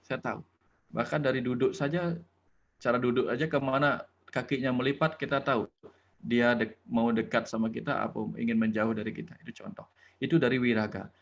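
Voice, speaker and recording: A man giving an earnest spiritual talk, explaining patiently with examples and later leading a calm prayer. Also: mid-range voice, fairly quick, gravelly, dull audio. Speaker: spiritual teacher.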